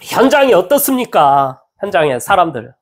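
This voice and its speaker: Animated Korean pastor preaching. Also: male voice, high-pitched, moderate pace. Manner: animated, acts out quoted speech with lively swings in tone. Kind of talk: sermon. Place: church.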